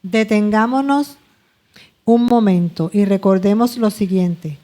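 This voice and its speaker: A woman with a Puerto Rican accent reads a church study text aloud for her class. Her delivery is steady and careful. Her tone is dark and mellow, at an average pitch for a woman. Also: slow. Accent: Puerto Rican Spanish. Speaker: class member reading aloud.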